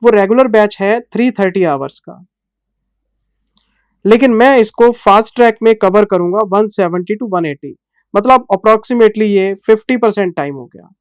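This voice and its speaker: Slow, patient male teacher, smooth voice. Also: sits high, no echo, clean studio sound. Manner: deliberately slow, patient delivery; fatherly, calls students "son". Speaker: accounting teacher. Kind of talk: explaining course details to students.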